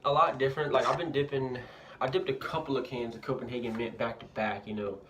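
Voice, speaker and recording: A young Louisiana man reviews a product in a house bathroom, talking casually around a lip full of dip. His mid-range voice holds a steady tone at a quick pace and sounds a bit bright, while the noisy amateur recording picks up clicks.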